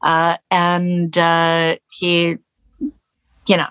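Her fairly low, clear, resonant voice comes very slowly, with no room sound at all. She's a middle-aged guest musician from Canada, raised in Los Angeles, in a conversational interview, animated and full of restarts and fillers, quoting others in a raised voice.

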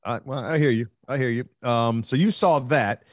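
Man, sports talk host, rambling storyteller, excited bursts, dry sound, mid pitch. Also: moderate pace, no echo. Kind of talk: casual sports chat.

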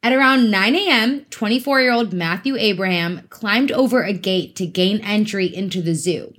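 A woman's voice: mid-range voice, normal speed, fairly bright tone. A woman from Africa, hosting a casual true crime podcast in a chatty, giggly way with teasing asides. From South Africa. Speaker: podcast host.

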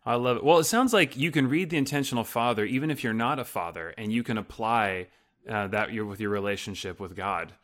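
A fairly low, fairly bright voice, delivered a little fast, belongs to a man in his thirties hosting a podcast. During the casual interview he poses lengthy, rambling questions loaded with fillers.

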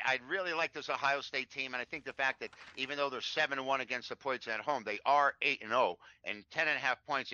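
A chatty man co-hosting a sports betting show, rattling off records and trends in a very bright, forceful voice. The sound is dry and a little dull, like a lo-fi recording. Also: mid-range voice, no echo. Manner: chatty, rambling, stacks up stats.

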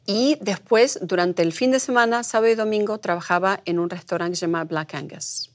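Middle-aged Argentine woman, interview guest, animated storyteller who acts out quotes. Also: medium pitch, a little fast. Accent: Argentine Spanish. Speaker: guest, producer. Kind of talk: conversational interview.

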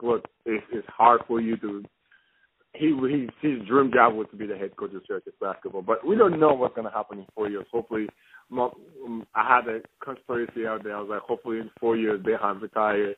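A young man from Senegal, a former basketball player, talking as a phone-in guest in a halting way with frequent restarts. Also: lowish voice. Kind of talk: casual phone interview. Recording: tinny phone line with faint hiss.

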